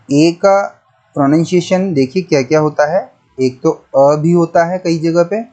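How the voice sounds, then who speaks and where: A man with a fairly high, warm voice teaches English grammar in classroom style, explaining pronunciation. He is methodical and repeats himself, spelling out each word one letter at a time.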